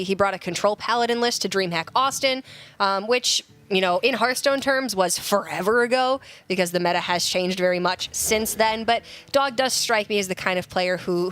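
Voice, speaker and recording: A woman's voice: medium pitch, a bit bright. A woman giving analysis of a card game tournament as co-caster, thoughtful and playful. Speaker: esports analyst. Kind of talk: color commentary.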